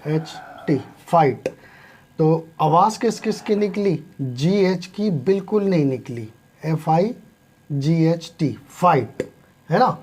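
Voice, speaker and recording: A man's voice: on the high side, a little mellow, husky. A man teaching an English lesson in Hindi, spelling words out letter by letter and often calling his listeners friends. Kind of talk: spoken language lesson.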